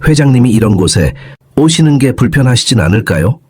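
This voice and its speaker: A man voicing a loyal, polite middle-aged uncle in an audio story, with a husky voice. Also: medium pitch, big pitch swings, a little fast, a little mellow, no echo, clean studio sound, pitched above the performer's own voice.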